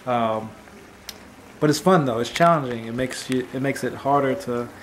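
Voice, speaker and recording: A man casually vlogging while he cooks, talking in a relaxed, rambling way with lots of fillers. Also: medium pitch, moderate pace, slight background noise. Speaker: vlogger, father. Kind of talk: casual vlog chat while cooking.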